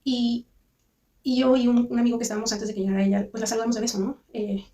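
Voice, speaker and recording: A young woman with a Mexican accent rattles through a personal story at a very fast clip, restarting her sentences and circling back in a chatty, rambling way. Her voice sits a little high and sounds dark and mellow. She is set back somewhat from the microphone. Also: little pitch movement, far from the mic. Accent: Mexican Spanish. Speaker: vlogger. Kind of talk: casual storytime monologue.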